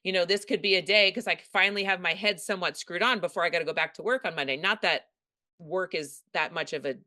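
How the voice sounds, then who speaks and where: A woman's voice: on the low side, fast, bright, forceful tone. Frank woman with a New York accent. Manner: frank, blunt, swears casually. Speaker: podcast host. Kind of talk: casual conversation.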